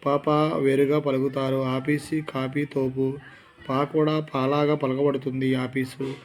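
A man's voice: medium pitch, flat delivery, unhurried, darkish tone. A man reading Telugu dialect study notes aloud for exam preparation, listing word forms one at a time and correcting himself as he goes. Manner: reads lists of word forms one by one with restarts. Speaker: exam prep teacher.

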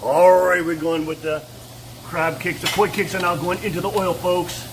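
Whooping excited man, noisy outdoors. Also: high voice, moderate pace. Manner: exuberant, keeps whooping and exclaiming. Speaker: vlog host narrating cooking. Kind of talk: excited outdoor cooking commentary. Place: outdoors by a frying pot.

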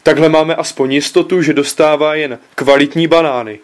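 A man reading aloud voices a suspicious, excitable father who raises his voice in indignant outbursts. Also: fairly high pitch, natural voice. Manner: loud, indignant, shouting outbursts.

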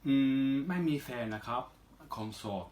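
Slight background noise accompanies a male singer's casual interview replies. A foreigner with a Western accent, he speaks Thai carefully and haltingly, in brief phrases with polite particles.

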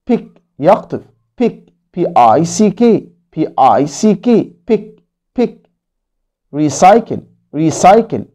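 A man's voice: on the high side, mellow. A man with an Egyptian Arabic accent teaching English to young children, repeating each word and spelling it out letter by letter. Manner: drills words by repeating them and spelling them out letter by letter.

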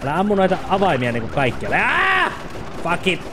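A young man giving gameplay commentary, excitable, shouting and swearing and mixing in English phrases. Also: fairly high pitch. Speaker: let's play gamer. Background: game music.

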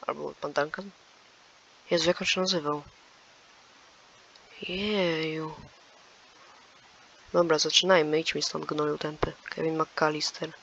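A fairly high, gravelly male voice with a sharp, bright edge. He reads quiz questions aloud in a casual commentary, then muses over his answers. The sound comes through a dull, lo-fi mic. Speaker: gaming channel host.

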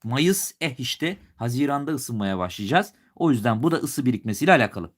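A male teacher from Turkey leads a live exam review, asking his students questions and answering them himself. He speaks in Turkish with a slight regional lilt he puts on now and then, at a steady mid pitch. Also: brisk. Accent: Turkish, with a regional lilt he puts on at times.

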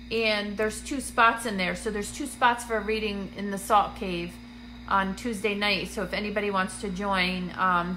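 A medium hosts a casual live stream from a couch in a dim indoor room, chatting to viewers and greeting them by name between plenty of ums. Her bright, mid-range voice is congested and a bit raspy. The phone camera is held at arm's length, the audio is poor, and a faint hum sits behind her.

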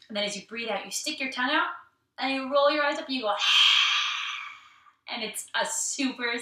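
A young woman leading a children's yoga breathing lesson in a gentle, encouraging, sing-song way. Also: fairly high pitch. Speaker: kids yoga teacher. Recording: echoey room, mic at a distance.

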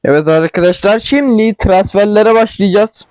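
Young man, regional Turkish dialect, high voice, dry close recording, casual game commentary, stumbles over words. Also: normal speed, a little mellow, dry recording. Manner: chatty, thinking aloud, stumbles over words. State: tickly throat, clearing it. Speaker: gaming channel host.

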